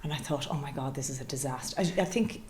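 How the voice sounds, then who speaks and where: A woman's voice: extremely low pitch, quick pace, a little mellow, a little hiss or hum. A woman in her late forties with a west of Ireland accent, telling her career story conversationally as an interview guest. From Galway, west of Ireland. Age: late 40s. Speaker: interview guest, chief executive.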